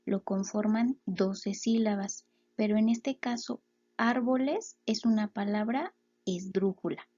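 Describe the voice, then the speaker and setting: A woman teaching a lesson, explaining step by step and sounding out words slowly, syllable by syllable. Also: mid-range voice, dark tone, muffled recording. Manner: slow, clear syllable-by-syllable explanations.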